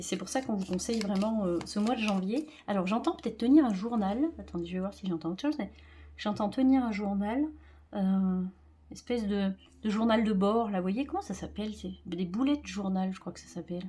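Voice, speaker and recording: A woman's voice: medium pitch, fairly quick, warm tone, a little hiss or hum. Chatty French woman reading tarot. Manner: chatty, loose, repeats herself, informal fillers. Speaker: tarot reader. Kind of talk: casual tarot reading to camera.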